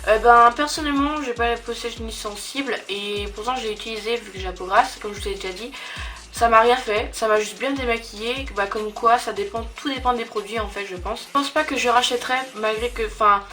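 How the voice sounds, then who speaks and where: A woman's voice: a little high, fairly quick, bright, forceful tone, soft background music. A young woman chatting casually in a beauty product review, hesitant and full of fillers and restarts. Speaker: beauty vlogger.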